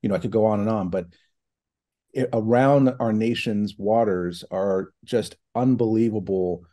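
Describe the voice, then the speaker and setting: Mellow-voiced man on a video call. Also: lowish voice, measured pace. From New Hampshire and Ohio, United States. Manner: thoughtful, many fillers and restarts. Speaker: guest, foundation president. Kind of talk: casual online interview. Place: home office with bookshelves. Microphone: video call from laptop.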